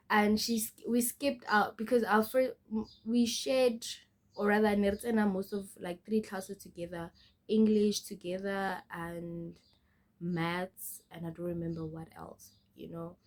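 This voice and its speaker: A woman's voice: medium pitch, steady tone, measured pace. A young woman telling her life story in a casual vlog, chatty and often turning to her viewers. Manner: chatty, mixes in local phrases, often addresses the viewers. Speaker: vlogger.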